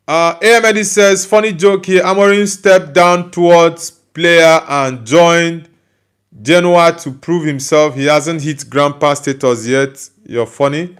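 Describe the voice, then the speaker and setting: A young Nigerian-accented man hosts a live football stream, his voice a little high with a clean tone. He chats loosely and reads viewer comments aloud, full of fillers and restarts.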